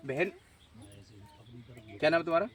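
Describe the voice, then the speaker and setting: A man's voice: on the high side, moderate pace, fairly bright tone. A man acting as a shrine healer, giving a visitor firm, assertive advice. He keeps promising results and checking that he is understood. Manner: assertive, repeats "guarantee" and checks "ठीक है?". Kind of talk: advising a visitor.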